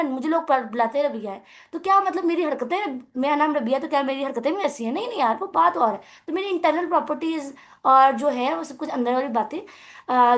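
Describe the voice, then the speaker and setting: Female math tutor, high pitch, patient explanatory lecture, code-switching. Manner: explanatory, often checks if students follow; mixes English terms into Hindi. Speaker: math teacher. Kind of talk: classroom lecture.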